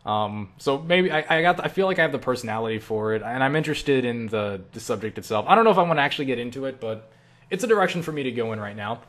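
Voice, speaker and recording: The young creator talks fast in a mid-range voice as he answers viewer questions. His style is loose and rambling, self-deprecating, and full of animated asides where he acts out quotes.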